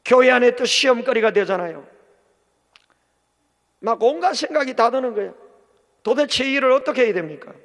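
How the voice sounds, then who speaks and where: A middle-aged man preaching a sermon as pastor, telling a story with swings from shouting to hushed speech. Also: very high voice, animated, a little fast, pauses often. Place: large church hall. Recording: long church hall reverb.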